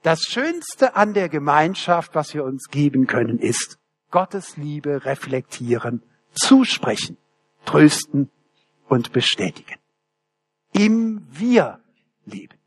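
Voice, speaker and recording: An older man preaching a sermon, emphatic, with ironic asides and slowed words for stress. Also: on the high side, very animated. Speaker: preacher and theology lecturer.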